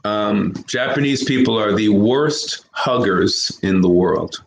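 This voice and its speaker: A man's voice: on the low side, takes it slowly, gravelly. An American man talking straight to camera in an opinionated monologue, emphatic, repeating his key phrases and listing words one at a time. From United States. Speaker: vlogger. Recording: roomy echo.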